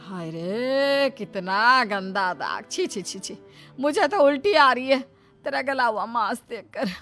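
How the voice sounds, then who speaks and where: A woman voicing a spiteful elderly mother-in-law in a dramatic, shrill, scolding manner for a cartoon moral story. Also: expressive, takes it slowly, a bit bright. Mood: disgusted. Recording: music under the voice.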